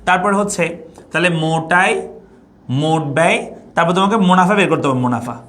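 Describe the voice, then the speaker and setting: Young guy teaching econ online, talks fast, kinda high pitched, keeps asking the class stuff. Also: lively intonation, fairly bright tone. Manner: repetitive, asks students questions. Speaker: economics teacher.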